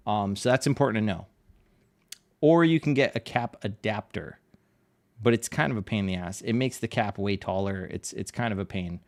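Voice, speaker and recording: A man streaming his art live, chatting casually and answering viewers' questions in a rambling, laid-back way. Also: lowish voice. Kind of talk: casual live-stream chat while drawing.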